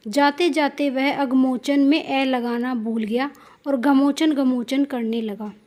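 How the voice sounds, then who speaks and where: A woman with a high voice tells a devotional folk story. She keeps a steady, plain storytelling pace and often repeats her phrases. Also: slow.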